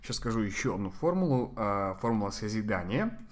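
A man giving conversational psychological advice as a podcast guest, sometimes halting to search for Russian words. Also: on the low side, very animated.

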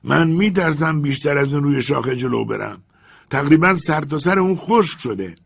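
Old servant, a man doing a high strained voice. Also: vocal fry, a bit bright, husky, heavily acted. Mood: nervous, pleading. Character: old male servant, timid and stubborn.

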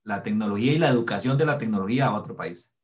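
A man's voice: lowish voice, racing, darkish tone. Costa Rican man hosting a podcast. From Costa Rica. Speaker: podcast host. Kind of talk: casual interview conversation.

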